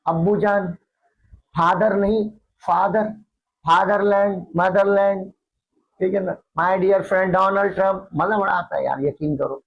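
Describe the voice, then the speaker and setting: Middle-aged guy mocking politics to camera, slightly high voice, snide and teasing. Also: a little mellow, rough recording. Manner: sarcastic, taunting, talks straight to his viewers. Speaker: political commentator.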